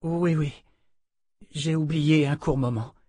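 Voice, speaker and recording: Man doing a young wife, grieving, pleading, raised husky voice, dry sound. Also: a little high, fairly even intonation, slow pace, a little mellow, no echo, voice pushed up. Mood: distressed.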